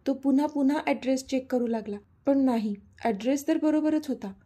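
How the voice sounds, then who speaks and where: Woman narrating a story, husky mellow voice, kinda high, steady storyteller feel. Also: a little fast.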